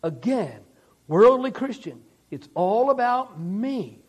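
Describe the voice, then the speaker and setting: A man delivering a sermon in a loose, conversational style, often asking his listeners questions and chuckling to himself. His voice sits unusually high and moves up and down a great deal. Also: sing-song, slow pace, husky. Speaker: pastor.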